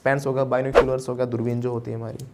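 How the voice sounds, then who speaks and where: A man's voice: mid-range voice, level tone, rapid-fire, creaky, background noise. A man teaching an English class, keeps asking the class questions and mixes Hindi with English. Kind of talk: classroom lesson.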